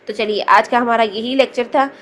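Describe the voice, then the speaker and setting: A woman's voice: a little high, steady tone, fairly bright tone, a little hiss or hum. A woman teaching Quran reading in a recorded online lesson, with a Pakistani Urdu accent, patiently drilling syllables and checking in with "theek hai" along the way.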